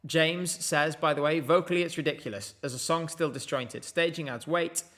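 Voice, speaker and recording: A man's voice: a little high, steady tone, moderate pace, a bit bright. A man hosting a casual live stream from home, chatting, laughing often and reading out viewer messages. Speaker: livestream host.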